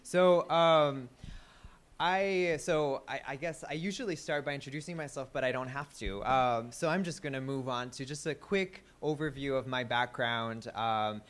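A man's voice: mid-range voice, moderate pace, fairly bright tone. A man in his thirties with an American accent, raised in Italy, giving a conference talk in a self-deprecating way with many fillers and restarts. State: a little nervous. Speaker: conference speaker. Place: conference stage.

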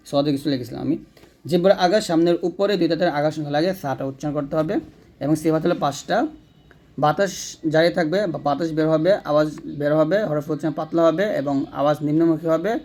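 A man's voice: fairly high pitch, darkish tone. A man teaching Quran letter pronunciation step by step, demonstrating each sound and checking in with his students. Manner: corrects his own slips mid-sentence. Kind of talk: spoken lesson on letter pronunciation.

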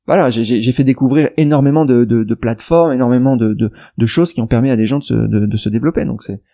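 Speaking fast in a warm, medium-pitched voice with vocal fry, a French investment YouTuber answers a viewer's comment on video. He rambles and digresses, restarting often and leaning on fillers while directly arguing with that viewer.

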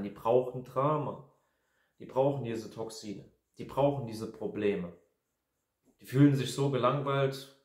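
20-something guy venting at the camera like a coach, keeps repeating himself, mid pitch, echoey room. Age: 20s. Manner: emphatic, repetitive ranting, mocking quotes. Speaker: life coach and video host. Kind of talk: casual talk to camera.

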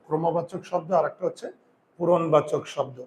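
A male grammar teacher giving a lesson, repeating key terms slowly, counting aloud and telling students to write things down. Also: fairly high pitch, darkish tone. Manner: counts aloud and asks rhetorical check questions. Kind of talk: classroom-style grammar lesson.

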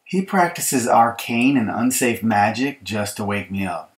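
Over a noisy background, a man with a fairly low voice and lively intonation reads his children's audiobook unhurriedly. Speaking as an exasperated young girl, he delivers her dramatic, emphatic gripes about a bratty little brother with mock grievance.

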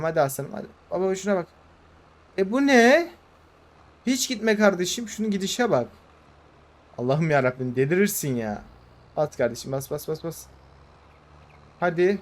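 A young man giving casual, excitable commentary over a farming game, urging the vehicle on with quick repeated words. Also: fairly high pitch. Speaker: gaming YouTuber. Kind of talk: casual let's-play commentary.

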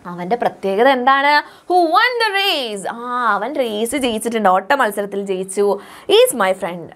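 Female English teacher, high voice, patient step-by-step explaining with lots of questions to the class. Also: a bit bright. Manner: reads English examples slowly and sounds them out. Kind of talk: online class lesson.

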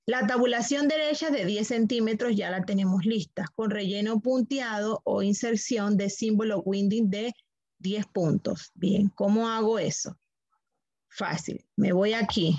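A woman's voice: medium pitch, a little mellow, slightly rough, dry recording, highs cut off. A woman teaching a computer class online, walking students through steps patiently, repeating them and checking that they follow.

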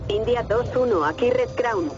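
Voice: medium pitch, normal speed. An actor voicing a curt military base dispatcher who calls units by call sign over a crackly radio transmission, speaking in clipped radio protocol. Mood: urgent, insistent. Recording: muffled radio over loud battle noise.

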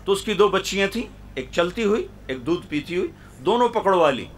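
A male preacher telling a story in a sermon at a university hall, dramatic, swinging between loud cries and hushed tones. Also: high-pitched, expressive, a little hiss or hum.

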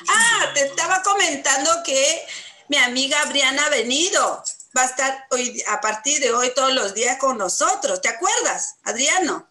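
A woman's voice: sits high, animated, moderate pace, bright, forceful tone. A woman preschool teacher giving an online lesson over a video call, with an affectionate, sing-song way of coaxing the children.

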